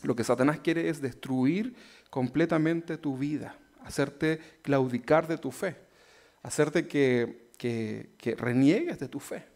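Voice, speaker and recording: A man's voice: mid-range voice, takes it slowly, a little mellow. A male pastor with a Chilean accent, delivering a conversational sermon to his congregation and often asking "¿verdad?". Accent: Chilean Spanish. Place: church.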